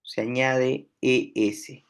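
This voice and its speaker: A male teacher walks through a grammar lesson at an unhurried, careful pace. His voice sits at an ordinary middle pitch. He keeps pausing to check that his listeners are following. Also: steady tone, vocal fry, clear, resonant tone. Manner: slow, deliberate explaining with frequent checks "¿no?". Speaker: language teacher.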